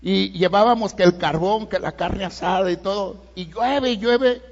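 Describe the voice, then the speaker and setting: High-voiced Mexican pastor preaching in a hall. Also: male voice, moderate pace. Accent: Mexican Spanish. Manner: conversational preaching with frequent "¿verdad?" asides. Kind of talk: sermon. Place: large church hall. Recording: dull church PA recording with long reverb.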